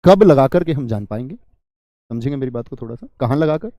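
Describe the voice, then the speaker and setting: A man's voice: mid-range voice, lively intonation, dark tone, dry recording, studio quality. A man teaching Hindi grammar to an online exam-prep class, who asks the class questions and then answers them himself. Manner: explains slowly and repeats key terms.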